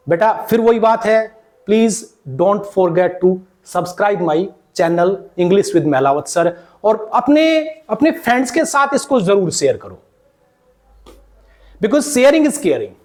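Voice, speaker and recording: A man teaching English pronunciation, repeating each word slowly again and again as a drill and calling his viewers "beta" in a fatherly way. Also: sits high. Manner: slow, repeats words many times for drill. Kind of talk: pronunciation lesson.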